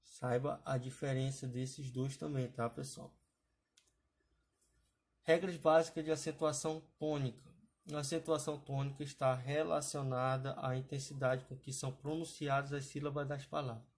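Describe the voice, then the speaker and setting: A man's voice: medium pitch, level tone, normal speed. A man teaching an exam-prep grammar lesson over slides, often checking in with his students. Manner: explanatory, adds frequent "tá, pessoal?" checks.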